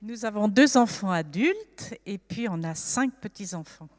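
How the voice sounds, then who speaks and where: A woman's voice: mid-range voice, animated, unhurried, long reverb tail. A woman in her seventies from France, giving an earnest, reflective personal testimony at a church service. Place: church hall.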